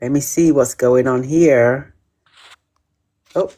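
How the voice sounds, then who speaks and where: A woman's voice: a bass voice, slow, dark tone. A woman hosting a live quiz, reading each question twice and reacting to viewers' comments in a chatty way. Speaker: host of a live menopause quiz.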